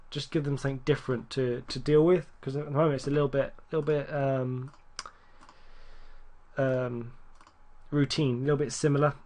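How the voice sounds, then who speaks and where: A man giving casual, rambling gameplay commentary, correcting himself often and getting excited at near misses. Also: medium pitch. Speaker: gaming YouTuber.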